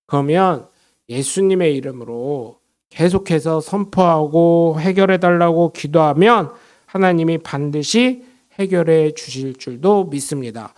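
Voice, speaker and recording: A man, a pastor, preaching a lively sermon and often calling out questions to his congregation. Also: high voice, clean tone. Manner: switches between solemn blessing and chatty storytelling.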